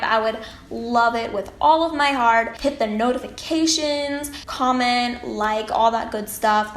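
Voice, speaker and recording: A teenage woman talking to her camera at home in a chatty, rambling, upbeat way as a vlogger. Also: mid-range voice. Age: late teens. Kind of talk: casual talk to camera. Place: room at home, echoey. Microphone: camera mic. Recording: echoey room, faint background noise.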